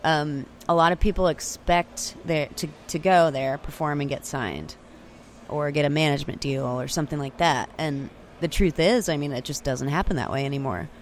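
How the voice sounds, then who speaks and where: This singer-songwriter, a young woman from Austin, Texas, is a chatty, filler-heavy interview guest who often says "like" and restarts sentences. She speaks at normal speed in a deep voice. The remote recording, done on a handheld portable recorder with external mics, carries a little hiss or hum.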